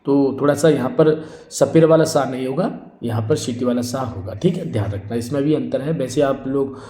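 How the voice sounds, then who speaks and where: A man's voice: mid-range voice, moderate pace, dark tone, reverberant. A man teaching Hindi spelling for exam prep, repeating each word, asking a question and answering it himself, and calling his students friends. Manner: repetitive drilling, asks then answers his own questions; addresses students as friends and brother.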